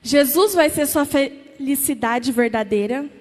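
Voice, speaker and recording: A woman's voice: high voice, measured pace. A woman with a Brazilian Portuguese accent preaching a sermon, with emphatic, repeated questions to the congregation. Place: church. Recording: long church reverb.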